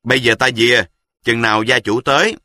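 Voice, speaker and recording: Pompous middle-aged sorcerer, commanding and bright, read by a male narrator. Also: mid-range voice, fairly even intonation, normal speed. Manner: commanding, grandiose.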